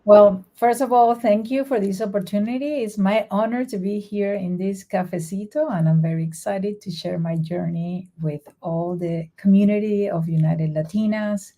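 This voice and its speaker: Venezuelan lady, spanish accent, husky-gravelly low-key voice, telling her story in an interview. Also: normal speed, few pauses. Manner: earnest, animated storyteller. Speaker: guest educator.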